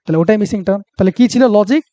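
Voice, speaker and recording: A man's voice: high-pitched, very fast, warm tone, no echo. A man with a Bengali accent teaching a reasoning lesson for exam prep, talking through each step aloud and checking that students follow.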